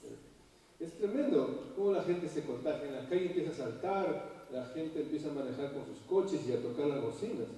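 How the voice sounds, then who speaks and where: A man delivers a sermon in a big hall, heard from a distance with a long echo. His voice is mellow and somewhat high. He gets animated and loud when he acts out quotes and asks questions. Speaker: preacher. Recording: echoey hall heard from far off.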